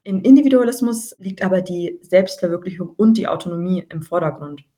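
Low-voiced young woman podcast co-host. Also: fairly quick, mellow. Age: 20s. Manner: reflective, explains ideas at length. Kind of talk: casual podcast conversation.

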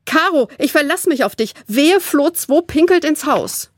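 A woman reading a children's book aloud and voicing a lively, quick-witted young girl who teases and jokes. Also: high voice, no echo, voice pushed up. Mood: urgent. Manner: quick, bright, joking.

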